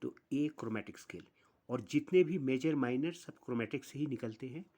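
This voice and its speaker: One note at a time, a man counts aloud while explaining music theory in slow, deliberate steps. His voice is medium in pitch with a dark tone.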